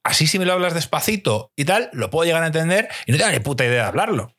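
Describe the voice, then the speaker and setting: A man's voice: on the high side, big pitch swings, a bit bright, breathy edge. A man with a Spain Spanish accent, arguing back with examples as a podcast co-host in heated casual chat. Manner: argumentative, quick to counter with examples.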